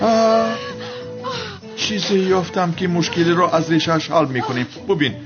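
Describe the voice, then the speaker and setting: A man's voice: on the high side, close to an everyday voice. A man voicing a flustered helper in a dubbed TV drama, coaxing and fussing. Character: flustered man fussing over a fainted girl. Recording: dull dubbed TV audio with loud music.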